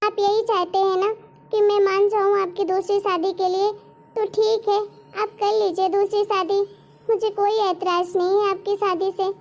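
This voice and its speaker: A woman's voice: extremely high pitch, little pitch movement, moderate pace, darkish tone. A woman voicing an earnest young daughter-in-law in a cartoon story, pleading and hurt. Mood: resigned.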